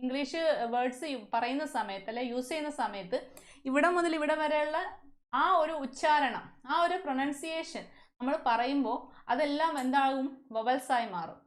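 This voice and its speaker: High-voiced Malayali woman teaching a class. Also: moderate pace. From Kerala, India. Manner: asks the class many questions and answers them herself. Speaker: English teacher at a coaching centre. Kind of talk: classroom lesson.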